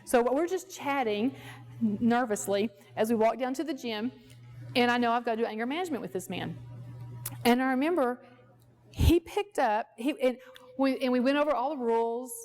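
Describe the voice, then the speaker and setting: A woman therapist speaks at a normal speed in a fairly high, slightly mellow voice during a ranch workshop. Her talk is a conversational lecture with personal anecdotes from her practice, with quoted dialogue acted out in storytelling fashion.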